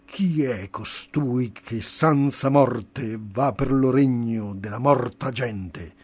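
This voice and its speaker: A man voicing a chorus of wrathful fallen angels, declaiming loudly and scornfully. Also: on the low side, very slow, husky, exaggerated voice.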